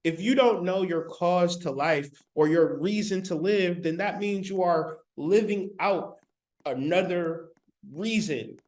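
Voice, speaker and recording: A high-pitched spiritual teacher livestreams a lecture through a laptop mic, addressing viewers directly. His style is emphatic, colloquial and repetitive.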